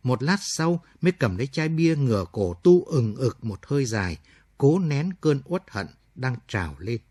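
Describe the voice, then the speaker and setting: A man narrating a late-night radio story in a measured, somber reading. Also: medium pitch, big pitch swings, a little mellow, husky, no echo, clean studio sound.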